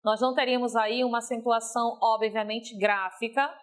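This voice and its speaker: A woman teacher giving a recorded video lesson, stretching example words slowly and checking in with a frequent "ok?". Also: a little high, flat delivery.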